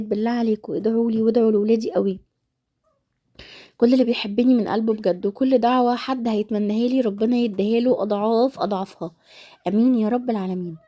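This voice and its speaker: A woman's voice: on the high side, mellow. A middle-aged woman with an Egyptian Arabic accent, congested and nasal, chatting casually and ramblingly to her followers in a vlog voice-over. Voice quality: congested, nasal from a blocked nose. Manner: rambling, familiar address to followers. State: stuffed-up nose and throat. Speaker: vlogger.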